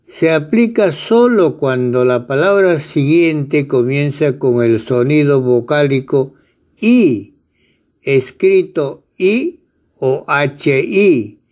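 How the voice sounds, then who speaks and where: Male teacher, slightly high voice, unhurried, methodical delivery that restates each point. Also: darkish tone. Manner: slow, deliberate, repeats key points. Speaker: language teacher. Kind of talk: explaining spelling rules.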